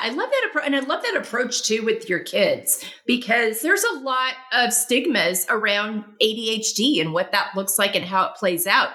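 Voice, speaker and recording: A woman hosting an interview, answering with quick affirmations and asking long, rambling questions full of restarts. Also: a little high, sharp tone. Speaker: host. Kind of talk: interview chat.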